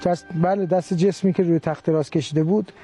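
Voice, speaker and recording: A man recounting a personal experience in an interview, measured and hesitant, with many pauses. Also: high-pitched, fairly even intonation, warm tone, faint music behind. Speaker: guest recounting a near-death experience. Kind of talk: interview testimony.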